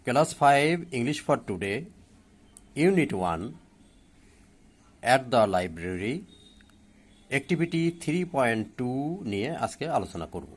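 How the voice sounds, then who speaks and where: A man teaching an English lesson, reading English phrases slowly and then explaining them in Bengali. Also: mid-range voice, big pitch swings.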